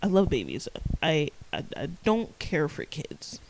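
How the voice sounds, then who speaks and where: A young woman co-hosting a podcast in casual chat, telling animated stories and laughing easily. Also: low-pitched, a little hiss or hum, low-quality recording. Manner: animated storytelling, quick laughs. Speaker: podcast co-host. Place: Florida.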